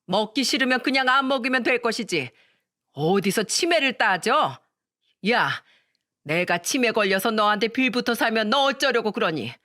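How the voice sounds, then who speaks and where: A woman reading a story voices an enraged older mother-in-law scolding her daughter-in-law. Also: pushed and bright. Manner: shrill, scolding rapid questions.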